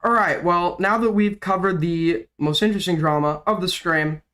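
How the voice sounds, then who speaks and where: This young man's livestream drama commentary comes in a slightly raised pitch with a bright, forceful tone, though illness has left his throat sore, so he coughs and his voice cracks. He swears a lot, rambles, relies on fillers, and shifts easily between quick and slow speech.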